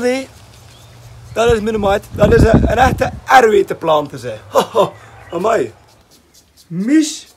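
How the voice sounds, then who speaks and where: A man's voice: very high voice, a little hiss or hum. A young man from West Flanders with a West Flemish accent, chatting casually in his own vlog and tagging his sentences with little fillers. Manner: chatty, with frequent filler tags. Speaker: vlogger. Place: outdoors and at home.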